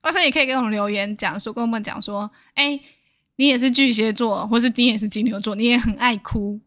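A young woman, co-hosting a podcast in a relaxed way, laughing and adding small agreeing sounds. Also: a little high, fast. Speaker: podcast co-host. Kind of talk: casual chat.

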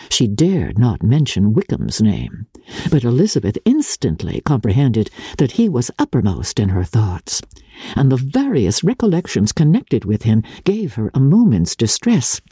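A woman with a husky, extremely low-pitched voice narrates an audiobook of classic literature in a measured, formal and expressive dramatic reading. The studio-quality recording has no room sound.

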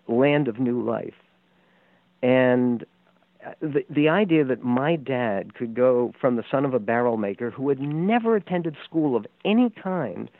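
Gravelly man telling a family story. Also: medium pitch, dry recording. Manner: earnest, halting with fillers and restarts. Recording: tinny phone-like, dry.

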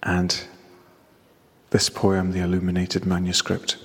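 A man talking reflectively and slowly in a small stone chapel, his voice ringing off the stonework. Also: low voice, completely flat delivery, fairly bright tone, husky. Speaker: poet and guest. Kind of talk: reflective spoken storytelling. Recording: echoey stone chapel with long reverb.

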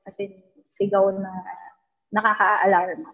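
A woman tells a story in a relaxed, chatty way, slipping English words into her talk. Her voice is husky and a little breathy, at an ordinary pitch for a woman. The recording sounds dull and lo-fi. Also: takes it slowly. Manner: mixes English into Tagalog, acts out quoted dialogue. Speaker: guest telling a ghost story. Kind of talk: casual spoken storytelling.

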